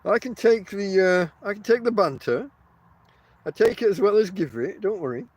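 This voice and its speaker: A man's voice: high-pitched, animated, moderate pace, darkish tone, husky. A middle-aged man with toothless, lips-over-teeth articulation, chatting casually and wryly on a podcast in a self-deprecating way. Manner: self-deprecating, wry banter. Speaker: podcast host. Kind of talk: casual rambling podcast talk.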